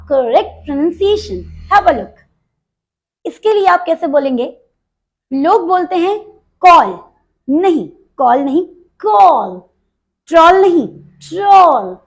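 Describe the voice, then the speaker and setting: Slowly and step by step, a woman English teacher with a lively, high-pitched voice walks students through pronunciation. She drills by repeating words, speaks to the class directly, and mixes Hindi with English.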